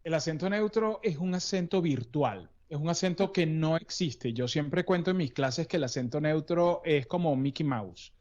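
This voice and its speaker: Man, voice coach, interview, explanatory, a bit high-pitched, dull lo-fi audio. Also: moderate pace, few pauses, a little mellow. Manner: explanatory, anecdotal, many restarts. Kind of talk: interview conversation. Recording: dull lo-fi sound.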